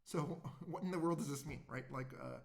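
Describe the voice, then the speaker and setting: A man's voice: fairly high pitch, moderate pace, vocal fry. A man giving a public introductory lecture in a conversational way, often asking the audience rhetorical questions.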